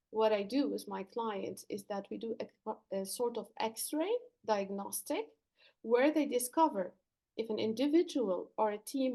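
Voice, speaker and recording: Speaking in a mid-range, dark-toned voice, this woman from Lebanon describes her job as a leadership coach while guesting on a podcast. She answers the interview questions earnestly and explains at length, with occasional fillers and restarts.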